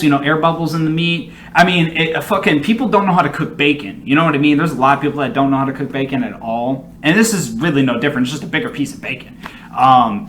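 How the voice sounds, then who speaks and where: A man with a fairly high, bright, forceful voice gives casual reaction commentary. He rambles and swears freely, full of opinions. There is faint noise behind him. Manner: often breaks into laughter. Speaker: reaction video host.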